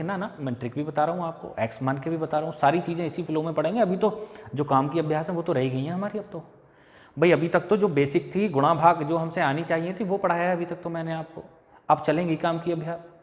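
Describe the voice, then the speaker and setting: Man, maths tutor, higher voice, talky and repetitive, long room reverb. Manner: chatty, repeats steps and checks understanding. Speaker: maths teacher. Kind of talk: exam-prep maths lesson.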